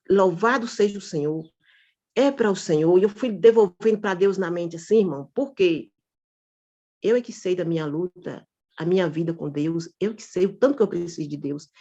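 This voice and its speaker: A woman's voice: lowish voice, dark tone. A woman telling a church group about a recent experience, talking informally and animatedly and often calling her listeners brothers and sisters. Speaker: church member giving testimony. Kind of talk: informal spoken testimony. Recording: dull lo-fi recording.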